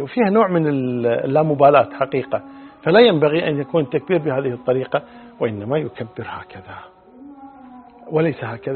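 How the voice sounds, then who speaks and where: A middle-aged male Islamic scholar answering religious questions in a measured, explanatory way, quoting hadith. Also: on the high side. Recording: phone-like narrow band.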